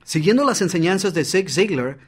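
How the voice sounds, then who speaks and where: A man's voice: high voice, lively intonation, a little fast, breathy edge. Man coaching listener in public speaking. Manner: coaching, addresses the listener directly, demonstrates vocal contrasts. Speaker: audiobook author and narrator. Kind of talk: scripted audiobook narration on public speaking.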